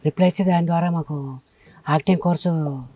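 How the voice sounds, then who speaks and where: A man's voice: fairly high pitch, steady tone, brisk, dark tone, a little hiss or hum. A man with a Telangana Telugu accent answering interview questions in a plain, rambling way. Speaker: interview guest, social media comedian. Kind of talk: casual interview.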